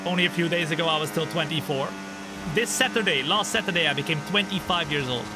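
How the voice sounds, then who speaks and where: Fairly high in pitch and quick in pace, a twenty-five-year-old streamer talks over music while playing a racing game live. He jokes around with his viewers and makes fun of himself while calling the action, with the game's racing engines droning in the background.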